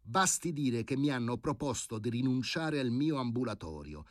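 A man's voice: medium pitch, expressive, normal speed, no room sound, studio quality, voice pushed up, lightly acted. A man reading an audiobook, voicing an indignant aging male professor who speaks with haughty, scornful politeness.

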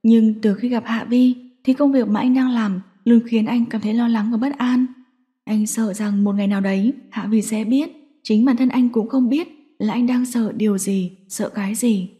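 A woman reading a dramatic audio story as narrator, steady and scripted. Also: fairly high pitch, normal speed.

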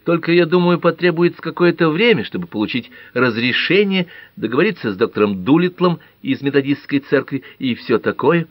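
A man's voice: a little high, expressive, brisk, few pauses, no echo, pitched above the performer's own voice, natural voice. A man voicing an earnest twenty-year-old girl. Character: young woman, twenty, calm and persuasive.

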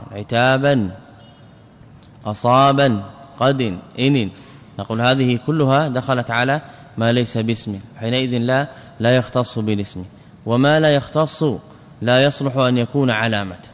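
A man's voice: mid-range voice, in a large hall. A man teaching classical Arabic grammar in a recorded lesson, methodical and repeating key terms as he explains.

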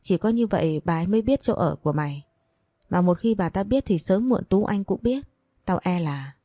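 A blunt, loyal young best friend answers with fast retorts, as a woman reads her in an audiobook. Her voice is mellow and fairly low, recorded close and dry. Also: animated, no room sound. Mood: indignant, concerned.

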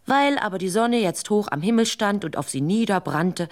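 A woman's voice: medium pitch, lively intonation, normal speed. A woman reading a fairy tale as a radio story, dry and wry in her manner.

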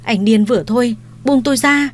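A woman's voice: on the high side, brisk, voice pushed up, close to an everyday voice. A woman voicing a weary, defiant young wife. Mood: frantic. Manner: cold, firm refusal.

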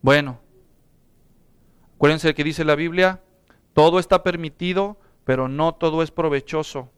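Middle-aged male pastor, lively sermon full of rhetorical questions, clear resonant tone. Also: fairly high pitch, a little slow. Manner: preaching with rhetorical questions to the congregation.

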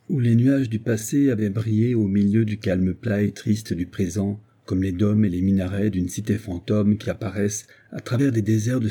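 A man reading a novel aloud as audiobook narrator, in an even, measured way. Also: on the low side, slightly rough.

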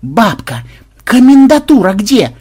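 A man voicing a hotheaded young male fighter who yells in a strained high voice. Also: very animated, slow pace, husky, full character voice. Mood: yelling. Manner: yelling, high-pitched.

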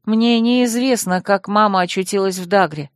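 A woman voicing a weary young orphaned heroine who speaks quietly and plainly in an audiobook. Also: medium pitch, normal speed, no room sound, clean studio sound, natural voice. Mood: tired, earnest. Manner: quiet, tired, straightforward.

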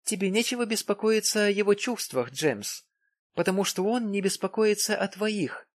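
A man voicing a suspicious, sharp-tongued wife in an audiobook, with a raised pitch and icy, pointed delivery. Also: lively intonation, normal speed, no room sound. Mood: accusing.

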